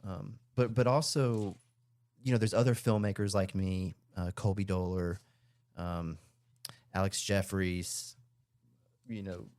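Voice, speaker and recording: A man, a filmmaker guest chatting casually in an interview, halting with many fillers. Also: low-pitched, steady tone, a little mellow, no echo.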